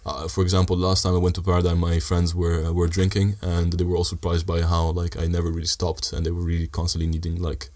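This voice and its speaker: A young man with a very low, deep voice and flat intonation appears as a casual podcast guest, chatting in halting, measured phrases.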